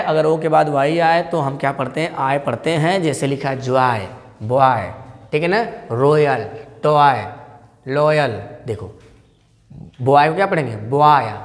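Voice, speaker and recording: A man teaching an English pronunciation lesson in a classroom style, asking questions again and again and repeating example words. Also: a little high. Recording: long hall reverb.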